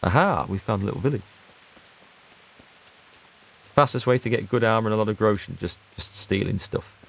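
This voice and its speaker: A gaming streamer with a low-ish, gravelly voice delivers brisk, casual let's-play commentary. He chats with viewers throughout, reading out their chat and answering as he plays.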